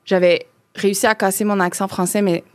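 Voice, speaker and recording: Speaking fairly fast with a medium, flat and somewhat dark voice, this thirty-something woman from Quebec is a podcast guest making casual conversation. There's no room sound, and her Québécois French-accented speech wanders with many fillers and false starts.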